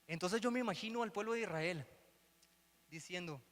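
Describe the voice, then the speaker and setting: A man's voice: sits high, normal speed, fairly bright tone. A man preaching a sermon, telling a Bible story and acting out its dialogue. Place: church hall. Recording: long hall reverb.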